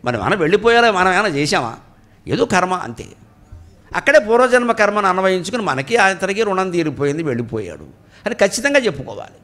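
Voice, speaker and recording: A middle-aged man with a Telugu accent gives a spiritual discourse at a memorial event. He tells stories and asks rhetorical questions, and his voice swings between loud and quiet. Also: sits high, very animated, quick pace. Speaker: spiritual speaker. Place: cultural hall at a memorial event.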